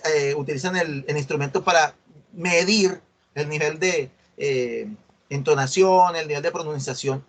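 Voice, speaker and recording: A man's voice: on the high side, a bit bright. A middle-aged man, giving an online university class. He acts out dialogues with students and keeps checking that they follow. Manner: explains by acting out student dialogues, checks understanding often. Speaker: university lecturer. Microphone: video call.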